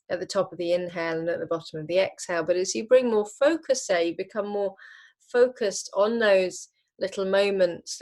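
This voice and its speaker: A yoga teacher with a lowish voice guides a relaxation, her gentle instructions unhurried and punctuated by pauses between phrases.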